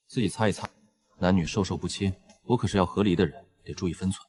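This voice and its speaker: A man's voice: low voice, fast, a little mellow, slightly rough. A man playing a cheeky, money-minded young nobleman in a dramatised story, wry, teasing and theatrical.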